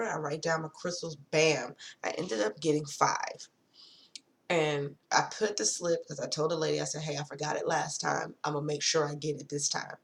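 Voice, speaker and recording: Woman, low voice, relaxed chatty vlogger who swears offhand. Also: a little hiss or hum. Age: adult with a daughter. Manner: chatty, swears casually, addresses viewers as y'all. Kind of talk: casual chat to camera.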